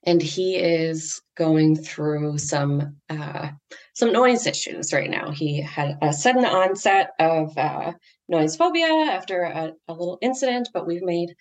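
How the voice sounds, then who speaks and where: A woman guest on a podcast, talking in a relaxed, chatty way with plenty of fillers. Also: lowish voice, vocal fry. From Canada. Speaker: guest, dog owner and social media creator. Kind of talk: casual podcast interview.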